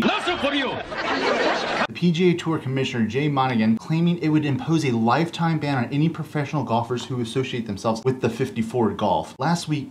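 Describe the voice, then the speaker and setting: A man's voice: medium pitch, darkish tone, slight background noise. A man hosting a joking golf news rundown in a sarcastic, wisecracking manner.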